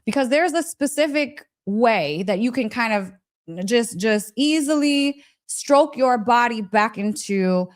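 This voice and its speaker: This live wellness coach delivers a casual, motivating talk in an animated, slightly high voice at a measured pace. Conversational and emphatic, she keeps checking in with listeners and laughs now and then.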